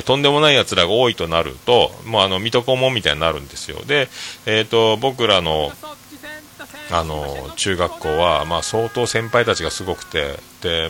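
Slight background noise accompanies the lowish voice of a middle-aged Fukuoka, Japan native, a restaurant owner hosting a solo talk stream. He rambles through stories, leaning on fillers and animated quoting.

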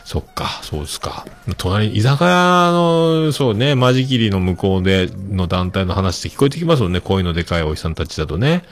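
A man hosting a casual podcast and reading listener mail, relaxed and chatty with many fillers and soft trailing ends, with a Kitakyushu accent. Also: lowish voice, brisk, few pauses. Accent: Kitakyushu Japanese. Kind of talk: casual solo podcast talk.

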